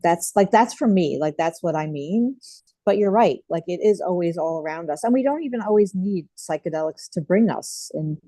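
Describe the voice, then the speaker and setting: Over a video call, a woman hosts an online group share, chatting casually, warmly, and with lots of fillers. Her voice is lowish and animated at a moderate pace, and the recording is dry.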